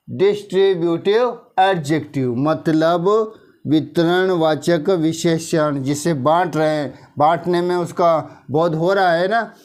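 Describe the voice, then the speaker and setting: A man with a Hindi accent teaching English grammar, explaining slowly and checking in with the class after each point. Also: a little high, darkish tone. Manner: slow explaining, drawn-out example sentences, frequent "theek hai na" checks. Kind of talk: classroom-style grammar lesson.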